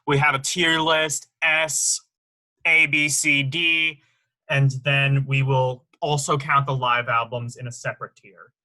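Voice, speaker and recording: A man's voice: mid-range voice, level tone, unhurried, sharp tone, poor audio. A young man co-hosting a casual music review chat, rambling a little and hedging his takes with "in my opinion.". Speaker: podcast co-host.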